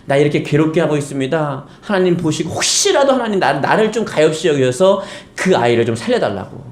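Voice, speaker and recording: A man's voice: on the high side, very animated, brisk. A preacher acting out a pleading, grieving king. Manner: humble, begging prayer. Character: grieving pleading king, middle-aged man. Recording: echoey church hall.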